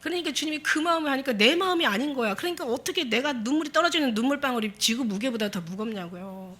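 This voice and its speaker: A woman pastor delivers a Sunday sermon in a high, ringing voice. She is impassioned and exhorting, and she drives her points home by repeating short commands. Her tone is bright and forceful throughout. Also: animated, fast. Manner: impassioned, exhorting the congregation with emphatic repetition.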